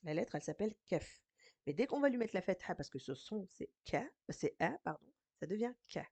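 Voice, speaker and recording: A woman teaching a recorded Arabic reading lesson in French, patient and slow, sounding out each syllable. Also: mid-range voice, lively intonation, darkish tone, no echo. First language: French speaker teaching Arabic.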